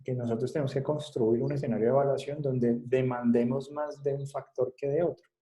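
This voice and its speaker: A man giving an online class lecture over a video call. He talks haltingly, with many fillers and restarts, and often checks in with short questions. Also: medium pitch, fairly even intonation, mellow, poor audio. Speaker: psychology lecturer.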